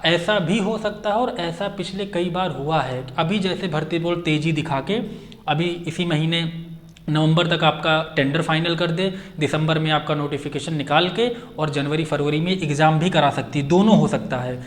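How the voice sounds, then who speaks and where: A man with a somewhat high voice, talking at normal speed, speaks as a coaching teacher in a casual explanatory update. He stresses points by repeating key phrases and blends in many English words.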